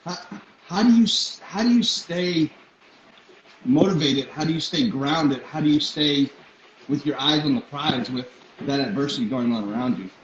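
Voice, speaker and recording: A man's voice: a little high, lively intonation, normal speed. A man hosting a casual interview, asking questions in a conversational way. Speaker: interview host. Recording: muffled, roomy, noisy audio.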